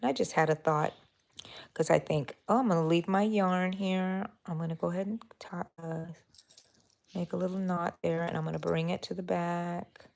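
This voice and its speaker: With vocal fry and a darkish, lowish tone, she speaks at a moderate pace and fairly evenly. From her bedroom at home, this Texas crochet host streams live in a casual way, chatting, thinking aloud and talking to her yarn.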